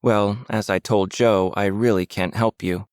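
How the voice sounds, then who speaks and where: A man reading the lines of an aloof, wealthy woman medium in an audiobook, in a measured, cool and slightly haughty way. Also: fairly low pitch, fairly even intonation, clean tone, no echo, clean studio sound, close to an everyday voice.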